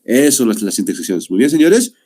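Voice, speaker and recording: Over a video call, a young man runs an online class with a medium-pitched, sing-song, mellow voice at a slightly fast clip. He explains things patiently, tagging "¿no?" onto each point and saying "muy bien" repeatedly, with slight background noise audible.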